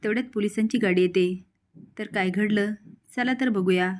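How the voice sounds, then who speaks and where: A woman narrating a casual recap of a TV serial episode, telling the story briskly and reading the characters' lines with little acting. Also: mid-range voice.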